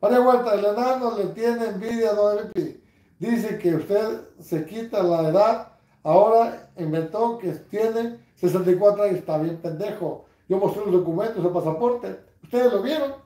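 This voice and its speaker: A man, hosting a casual livestream from his couch, reading comments with crude, mocking humor and bursts of loud laughter. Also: high-pitched, normal speed, reverberant. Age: 60s. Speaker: livestream host. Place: living room, seated on a couch at home.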